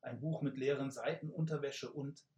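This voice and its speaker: A man's voice: mid-range voice, fairly even intonation, moderate pace, a little mellow, voice pushed up, lightly acted. A man voicing a polite, cautious young male wanderer. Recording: roomy echo.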